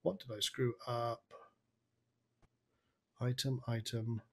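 A man gives a casual on-screen tutorial in a raspy, tired voice. He talks informally, muttering his way through each step as an online marketing coach would. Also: medium pitch, little pitch movement, takes it slowly. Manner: informal, thinking aloud.

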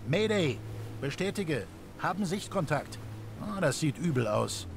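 Brief: steady game coxswain, clipped marine-radio calls, slightly raised pitch. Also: male voice, measured pace, creaky, a little hiss or hum, exaggerated voice. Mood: focused. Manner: curt radio procedure, steady. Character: calm male coxswain of a rescue cruiser. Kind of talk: video game voice acting.

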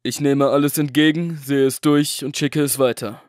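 A man voicing a cold, scheming middleman in a horror audiobook, clipped and commanding with a quiet menace. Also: mid-range voice, fairly even intonation, moderate pace, dry recording, clean studio sound, natural voice. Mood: calm. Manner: clipped, commanding, coolly threatening. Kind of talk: audiobook drama acting.

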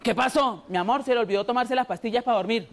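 A man with a Colombian accent doing a loud, rowdy stand-up routine and acting out the people in his jokes. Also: extremely high pitch, fast, very noisy. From Huila, Colombia. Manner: loud, rowdy, acts out quoted voices. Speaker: stand-up comedian. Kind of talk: stand-up routine on TV comedy show.

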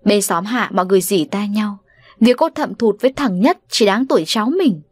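A woman narrating an audiobook novel in an expressive storytelling manner. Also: medium pitch, a little fast, dry recording. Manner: dramatic, animated delivery of voices.

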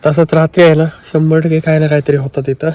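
Konkan accent guy vlogging from a night camp in the woods, kinda high, flat voice, crickets buzzing. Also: fast. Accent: Marathi, Konkan. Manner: chatty, explains to viewers, repeats phrases, often hushed. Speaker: camping vlogger. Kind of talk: casual vlog narration. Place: outdoors at night in a forest by a river.

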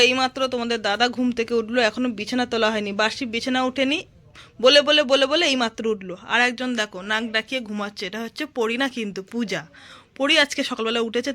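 A hoarse woman with a cold, chatting directly with viewers in a casual daily vlog recorded around her home. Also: fairly high pitch, pushed and bright. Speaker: vlogger. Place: at home, kitchen and rooftop. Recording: home recording with clear background noise.

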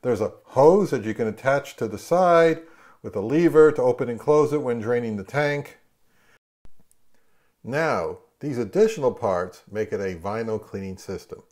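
An unhurried, medium-pitched and a little mellow voice belongs to a man in his fifties, a record collector who hosts a channel. He speaks offhandedly and casually, like a home product review vlogger, indoors at home in the living room and kitchen.

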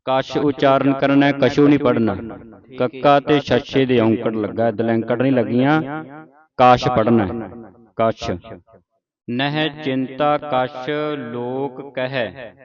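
A man leads a scripture recitation lesson at a very slow, careful pace and chants each verse before the class repeats it. His voice sits at a middle pitch. The audio is muffled, and a group of students can be heard in the room. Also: fairly even intonation, a crowd in the background. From Punjab. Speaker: gurbani pronunciation teacher.

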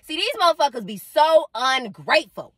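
A woman's voice: sits high, lively intonation, moderate pace, fairly bright tone, no echo. A woman vlogger delivering an emphatic, profane, fired-up monologue rant.

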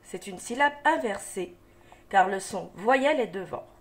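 A woman's voice: mid-range voice, animated, unhurried. A woman teacher guiding young children through a reading lesson, encouraging them and sounding out syllables patiently. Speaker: primary school teacher.

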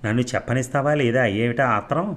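A man reads as a tipsy young woman who teases her friends and snaps at interruptions. The voice stays low and only a little lifted. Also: fairly even intonation, fast, fairly bright tone, close to an everyday voice. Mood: irritated. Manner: teasing, irritable, tipsy. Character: sharp-tongued young woman storyteller at a party.

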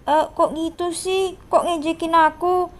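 A woman's voice: very high voice, little pitch movement, unhurried. A woman voicing a teased, lonely monster schoolkid with a whiny, plaintive way of talking in a game role-play.

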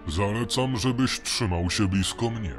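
A man doing a hulking security robot with a rough, metallic robot voice that sits low and sounds set back from the listener. It delivers clipped, formal lines with cold machine duty, like a guard unit in an audio story, with soft music beneath. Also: measured pace. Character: towering male security robot, cold and dutiful. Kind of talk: audiobook narration.

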